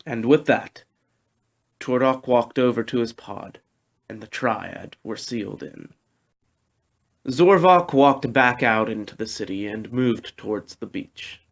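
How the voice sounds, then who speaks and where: A man with a medium-pitched voice narrates storybook prose from a script, sounding like an amateur audiobook reader. He takes his time, and his voice is creaky.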